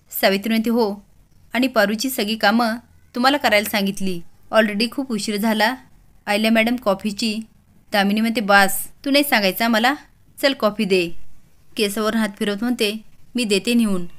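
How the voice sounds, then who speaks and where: Woman retelling a serial episode, acting every part. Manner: reads every character's lines aloud, rising loud and high in dramatic outbursts. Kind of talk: storytelling recap with acted dialogue.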